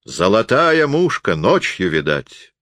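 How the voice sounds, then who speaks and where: A man voicing a drunk, menacing old male forester who speaks hoarsely in slurred folksy speech. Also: lowish voice, very animated, takes it slowly, a bit bright, no room sound, clean studio sound, heavily acted. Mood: drunk blustering.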